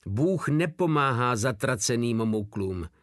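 A man's voice: mid-range voice, lively intonation, a bit bright, no room sound, clean studio sound, natural voice. A man doing a bitter, scornful convict soldier. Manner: shrieking, scornful.

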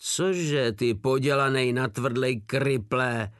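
A man's voice: medium pitch, no room sound, studio quality, close to an everyday voice. A man voicing a furious, cursing male soldier in an audiobook war story. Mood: raging. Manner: raging, cursing.

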